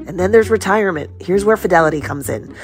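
A woman reading scripted ads for a podcast in a smooth, upbeat promotional delivery. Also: lowish voice, fast. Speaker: ad reader for a podcast. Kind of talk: scripted ad read.

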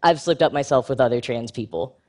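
At a fairly quick pace, a man presents a prepared public talk. The tone is wry and blunt with plenty of humor, punctuated by animated rises in pitch for emphasis.

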